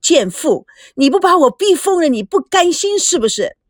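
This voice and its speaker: A woman's voice: high-pitched, sing-song, normal speed, no echo, voice pushed up. A woman voicing a furious middle-aged rich husband and father who bellows bitter complaints, in a dry close recording.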